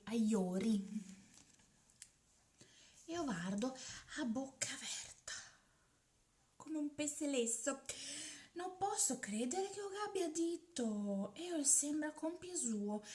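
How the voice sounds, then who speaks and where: Female comic reader, Paduan Italian dialect, raised pitch, drawn-out slow delivery, theatrical improvised storytelling with hushed touches. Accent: Paduan Venetian. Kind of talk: improvised comic dialect reading of a romance novel.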